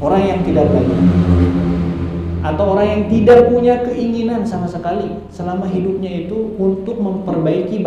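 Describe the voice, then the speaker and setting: A man teaching correct Quran recitation, chanting verses slowly before explaining the rules. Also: high voice, mellow, highs cut off. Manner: models recitation in slow drawn-out chanting, then explains. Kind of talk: teaching tajwid pronunciation. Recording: echoey hall, mic far off, faint hiss.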